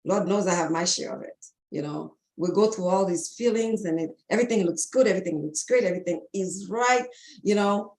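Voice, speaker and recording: A woman's voice: medium pitch, a little fast, a little mellow. A woman co-hosting a talk show, speaking to viewers in a reflective, reassuring way. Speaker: co-host. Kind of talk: casual talk-show chat. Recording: echoey room.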